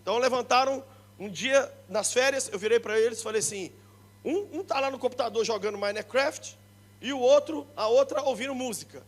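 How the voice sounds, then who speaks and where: High-voiced, shouting Brazilian preacher. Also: male voice, a little fast. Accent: Brazilian Portuguese. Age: middle-aged. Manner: energetic and joking, shouting the key points, acting out quoted people. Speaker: pastor. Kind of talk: lively sermon. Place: church congress hall.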